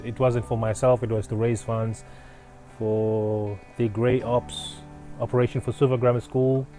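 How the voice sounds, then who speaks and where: A man from Fiji speaks earnestly and proudly in an interview, often pausing on fillers and restarting his sentences. His voice sits at an ordinary middle pitch. Faint music plays underneath him. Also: mellow. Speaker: clothing brand founder. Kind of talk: interview answers.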